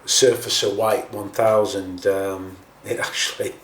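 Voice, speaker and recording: A man's voice: lowish voice, level tone, unhurried. A man giving a casual hands-on tutorial as host, informal and a little hesitant as he thinks aloud. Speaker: host of a scale model painting tutorial. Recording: roomy, distant mic, faint noise.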